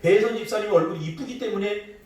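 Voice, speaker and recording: A man's voice: sits high, quick pace, darkish tone. A middle-aged man preaching a sermon as pastor, with playful asides to the congregation. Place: church sanctuary. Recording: echoey church hall from a distant mic.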